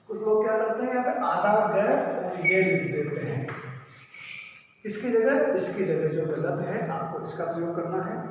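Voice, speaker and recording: A man's voice: high voice, a little hiss or hum. A man teaching a Hindi spelling lesson, explaining each word step by step and repeating the correct form. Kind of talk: classroom-style spelling lesson. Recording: echoey room, distant mic, faint ambience.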